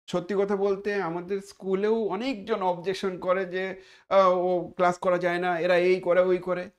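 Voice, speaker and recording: A man giving a conversational exam-prep lecture as a teacher, repeating points and mixing in English terms. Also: high voice.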